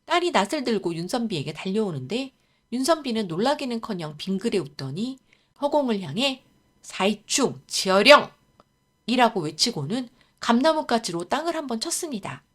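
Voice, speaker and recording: A woman narrating a scripted folktale in a calm storytelling manner. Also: on the high side, a little fast.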